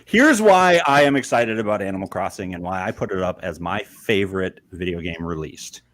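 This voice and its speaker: A man hosting a casual podcast chat with friends, animated and teasing, laughing often. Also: low-pitched, a little fast, dry recording. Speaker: podcast host.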